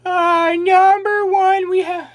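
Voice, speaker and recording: Carl Wheezer, very high, whiny cartoon boy. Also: level tone. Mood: hesitant, eager. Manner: halting, numbered delivery with drawn-out words. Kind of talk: comic impression challenge, short catchphrases.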